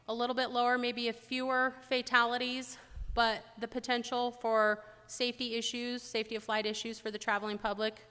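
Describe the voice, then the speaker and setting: Middle-aged woman presenter, blunt and joking, bright edge, echoing conference hall. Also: mid-range voice, clean tone. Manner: blunt, joking, animated storytelling. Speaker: air safety investigator giving a presentation. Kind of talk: conference talk.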